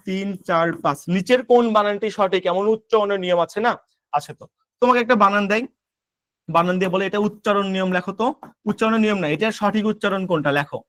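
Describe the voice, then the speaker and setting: Fast-talking high-voiced male tutor. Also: a bit bright, no echo. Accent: Bangladeshi Bengali. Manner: rapid, drilling with quick rhetorical questions to students. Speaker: admission test tutor. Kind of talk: online exam-prep lesson.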